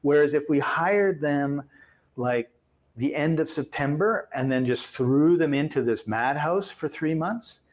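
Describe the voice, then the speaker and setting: A man's voice: on the high side, unhurried, dull audio. A man telling a workplace story in a conversational interview, acting out the voices of the people in it. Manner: animated storyteller, acts out quoted voices.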